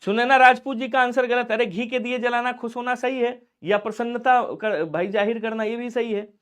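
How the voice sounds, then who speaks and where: High-voiced man teaching a lively class. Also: moderate pace. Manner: lively, coaxing, quizzes students and quotes their replies. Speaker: Hindi teacher. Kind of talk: live online exam-prep class.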